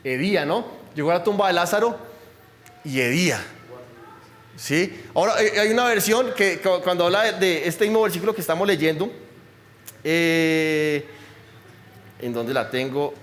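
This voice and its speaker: A man's voice: high-pitched, normal speed, long pauses, a bit bright, big-room sound. A man preaching a sermon as pastor, talking conversationally and often asking the congregation questions. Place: church.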